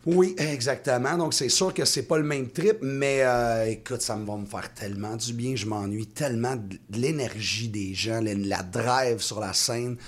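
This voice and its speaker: A man in his thirties with a Québécois accent, a touring singer-songwriter chatting in a radio interview, rambling with many restarts and quick laughs. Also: medium pitch. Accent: Québécois French. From Quebec. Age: 30s.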